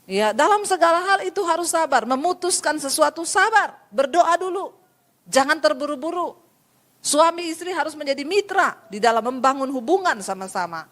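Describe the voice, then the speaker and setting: A middle-aged woman from Sulawesi preaching a lively, humorous sermon to a congregation. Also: sits high, moderate pace.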